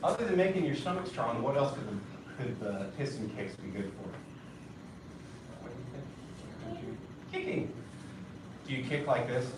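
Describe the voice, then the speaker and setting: A martial arts instructor, a man, snaps out counts and orders with a lively, swinging pitch, then drops into calm explanation. He is heard from well back in a big echoing training hall, with heavy noise behind him. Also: normal speed, long pauses. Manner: barks counts and commands, then explains calmly. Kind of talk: leading a children's fitness drill. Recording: echoey hall, distant mic, loud noise.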